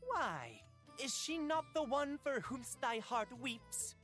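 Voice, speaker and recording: A woman's voice: high voice, sing-song, takes it slowly, a bit bright, soft background music, heavily acted. A woman playing a mischievous teasing bard. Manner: playful mocking, rhyming, mock-archaic phrasing. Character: cheeky teasing male bard, mischievous and theatrical. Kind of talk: voice acting while reading a visual novel on stream.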